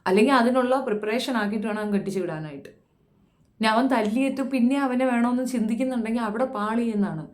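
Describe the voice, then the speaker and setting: Woman, blunt scolding commentary, fairly high voice, rhetorical questions. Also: fast talker, roomy sound. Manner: blunt, scolding, addresses young women directly with rhetorical questions. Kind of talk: impassioned social commentary monologue.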